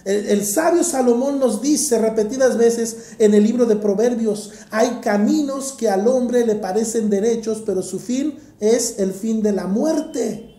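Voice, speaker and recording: A woman preaching a sermon, stressing and repeating her phrases. Her voice sits fairly high but sounds very mellow and dark in tone. She speaks slowly, in an echoey room. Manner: emphatic, deliberate, rhetorical repetition.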